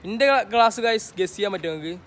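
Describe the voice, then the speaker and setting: High-pitched young man, chatty, Malayalam-English mix. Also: animated, fast, a bit bright. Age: young adult. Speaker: vlogger. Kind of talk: casual walking school-tour vlog.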